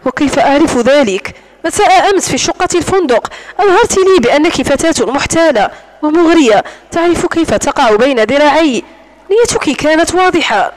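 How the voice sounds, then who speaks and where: A woman's voice: high voice, expressive, fairly quick, poor audio. A woman reading the part of a mocking, domineering wealthy Greek man in an audiobook, in a cold and controlling manner. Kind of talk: audiobook narration.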